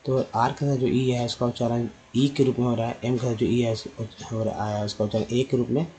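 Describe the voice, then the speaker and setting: A man giving a spoken pronunciation lesson, spelling out letters and repeating words slowly for his viewers. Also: mid-range voice, level tone, warm tone, slight background noise, rough recording. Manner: addresses viewers as friends. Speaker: English pronunciation teacher.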